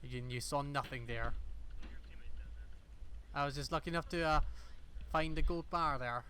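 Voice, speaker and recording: A man's voice: fairly high pitch, moderate pace, pushed and bright. A man talks through his own footage in a loose, rambling way. He drops in dry, self-deprecating asides as he goes. A faint hiss sits under his voice. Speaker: airsoft player narrating his own footage. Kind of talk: casual voice-over commentary.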